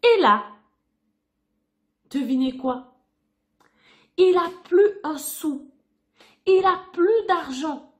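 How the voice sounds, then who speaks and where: High-voiced woman storytelling for kids. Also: extremely slow, pauses often. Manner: animated, addresses children, sound effects. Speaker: children's Bible storyteller. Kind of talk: storytelling to children.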